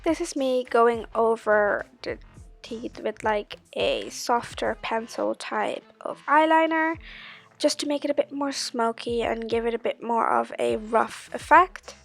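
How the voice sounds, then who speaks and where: A woman's voice: on the high side, measured pace, vocal fry, faint music behind. A woman giving a casual, chatty makeup tutorial, explaining step by step. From Sri Lanka.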